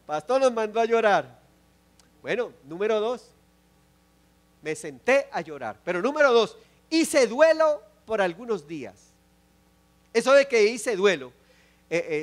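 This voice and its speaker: A male pastor giving an impassioned sermon, repeating phrases and swinging from loud exclamations to soft, low pleas. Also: sing-song, a little slow, long pauses. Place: church.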